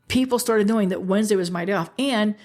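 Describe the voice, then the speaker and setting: A woman's voice: mid-range voice, quick pace, a little mellow. A woman in her sixties hosting a podcast, speaking earnestly to listeners as her friends and repeating key phrases in a motivational monologue. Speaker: podcast host.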